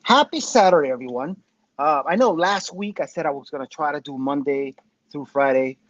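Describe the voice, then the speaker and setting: This is a host in his fifties running a casual commentary livestream, full of rambling, profanity and self-deprecation. He speaks on the high side at a moderate pace. The recording is dry, with the dull, tinny sound of a Bluetooth headset microphone.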